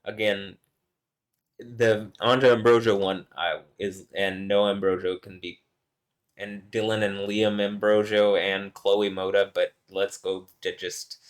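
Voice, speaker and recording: Alone in front of the camera, a man with a deep voice rambles on, cursing, laughing under his breath, and often trailing off before finishing a sentence.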